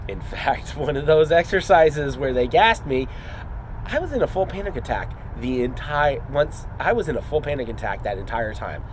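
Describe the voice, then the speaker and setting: A man's voice: mid-range voice, expressive, normal speed, a little hiss or hum. A man speaking off the cuff in an earnest, rambling, casual vlog style. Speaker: wrestling student.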